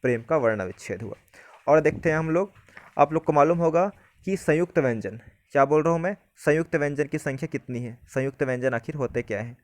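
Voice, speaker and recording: A man teaching a Hindi grammar lesson, explaining step by step and often asking whether it is clear. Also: fairly high pitch, brisk, darkish tone, no echo.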